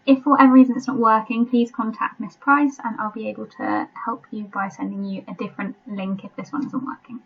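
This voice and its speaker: A woman with an English accent, a French teacher narrating a recorded remote lesson and reading dictation slowly and deliberately. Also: on the high side, steady tone, muffled recording. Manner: slow, deliberate dictation with clear repetition.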